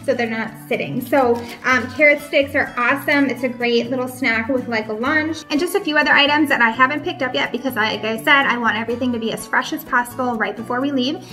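In a brightly lit home room, a Minnesota vlogger in her thirties casually shows off items to the camera, lifting them up one after another. She speaks fairly quickly in a high, bright, forceful voice with few pauses, and faint music plays in the background.

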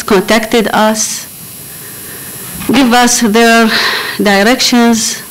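Slow-spoken woman. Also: mid-range voice, rough recording. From Iraq. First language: Arabic. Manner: slow, careful, repeats words while searching for English. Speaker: refugee panelist. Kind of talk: personal testimony at a panel. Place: large conference hall. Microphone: table microphone.

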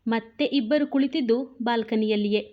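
A woman's voice: a little high, normal speed. Woman reading a romance story, lo-fi.

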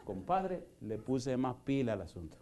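Impassioned male pastor, mellow voice. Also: medium pitch, very animated, normal speed. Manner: impassioned, rhetorical questions, shifts from loud preaching to soft pleading. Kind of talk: evangelistic sermon with altar call. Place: church in Houston, Texas.

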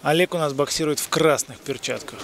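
A man's voice: fairly high pitch, a little fast, a crowd in the background. A man giving live boxing commentary in a conversational way. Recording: loud music behind the voice. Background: loud music, event hall sound.

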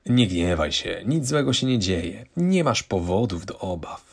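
A man voicing a dismissive, condescending husband who gambles, in a low, gravelly, husky voice. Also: sing-song, unhurried, heavily acted. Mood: patronizing. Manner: condescending, defensive. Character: smug middle-aged husband, dismissive gambler.

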